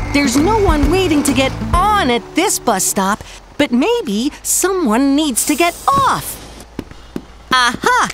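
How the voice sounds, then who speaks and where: Dr. Panda, a friendly panda teacher. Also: male voice, very high-pitched, full character voice. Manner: clear, coaxing, asks viewers questions. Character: kindly panda doctor teacher, patient and upbeat. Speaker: narrator and teacher to viewers. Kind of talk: children's cartoon narration. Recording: voice over loud background music.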